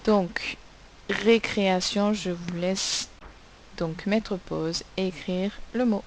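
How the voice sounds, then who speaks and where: A woman's voice: medium pitch, steady tone, slow, a little mellow, a little hiss or hum, poor audio. A woman teacher giving a recorded spelling lesson to children, patiently spelling words out sound by sound. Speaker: primary school teacher.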